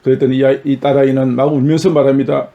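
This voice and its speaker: A man's voice: medium pitch, little pitch movement, fast, phone-quality sound. A male pastor giving a sermon and telling illustrative stories in an earnest manner, with emphatic rises in his voice.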